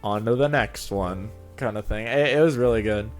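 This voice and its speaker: Music runs beneath this man as he hosts a relaxed interview, eager and wandering in his talk; he also reads fan fiction audio for the show. His voice sits on the low side at a normal speed.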